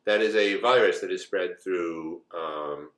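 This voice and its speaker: A man's voice: low voice, measured pace. A man in his forties from the United States, telling a personal story in a rambling, casual way with many asides. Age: 40s. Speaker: co-host. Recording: echoey room.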